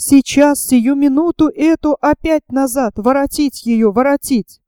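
A woman's voice: high voice, a little slow, warm tone, dry recording, studio quality. A woman reading the lines of an imperious, agitated older noblewoman in an audiobook, commanding and fierce, sometimes in a hissing whisper.

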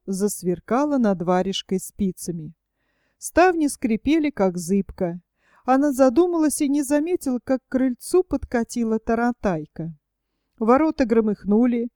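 A woman reading a literary story aloud as an audiobook narrator, in a steady storytelling manner. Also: a little high, no echo, clean studio sound.

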